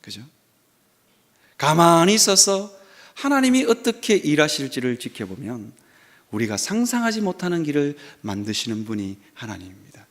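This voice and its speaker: Animated male pastor telling a story. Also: on the high side, normal speed. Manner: storytelling sermon acting out family dialogue. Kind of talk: sermon. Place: church.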